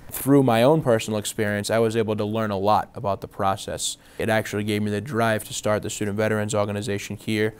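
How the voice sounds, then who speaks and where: A man who is an Air Force member and student veteran, speaking in an interview in a measured, steady way. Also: lowish voice, clean tone. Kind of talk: interview testimonial.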